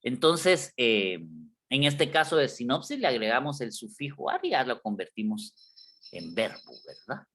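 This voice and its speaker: Very animated and fairly bright, a medium-pitched male university lecturer from Guatemala speaks at a normal pace in the classroom. He explains through examples, regularly checking in with students via repeated tag questions.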